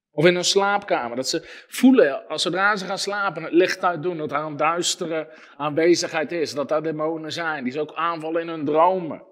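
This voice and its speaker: A man preaching a sermon, emphatic, with sharp rises and drops in his voice. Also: fairly high pitch. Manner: emphatic, rising and dropping sharply for effect.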